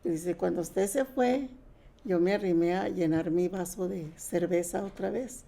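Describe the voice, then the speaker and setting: Older woman with a warm gravelly voice. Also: on the low side, a little slow. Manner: plain conversational retelling with quoted dialogue. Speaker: guest sharing testimony. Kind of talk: personal testimony.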